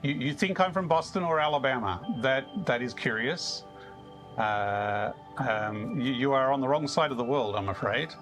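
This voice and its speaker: Aussie guy on a live game stream, laid back, chuckles a lot, bit of soft music in the back. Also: mid-range voice, animated, moderate pace. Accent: Australian. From Australia. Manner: chatty and easygoing, chuckling often, chats with viewers. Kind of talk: casual live-stream chat while playing.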